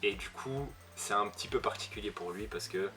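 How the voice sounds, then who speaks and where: A man's voice: on the low side, brisk, sharp tone. A man giving a casual spoken review as a manga reviewer, chatty, with frequent hesitations and self-corrections.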